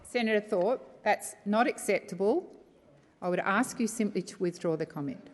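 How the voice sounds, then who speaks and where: A woman's voice: mid-range voice, moderate pace. An Australian woman chairs a formal parliamentary debate with firm authority. She speaks in procedural instructions and often repeats them. Her voice rings with long reverb in a large chamber. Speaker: parliamentary presiding officer.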